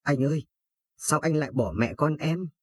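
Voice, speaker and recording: Man playing an anguished mother of thirty-five, hurried and urgent, husky. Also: a little high, no echo, clean studio sound, voice pushed up, lightly acted. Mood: grieving.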